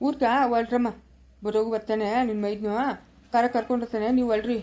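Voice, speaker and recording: A woman's voice: a little high, level tone, fast talker, dark tone, lightly acted. A woman playing a firm, middle-aged male village elder in a rural family drama. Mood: soothing.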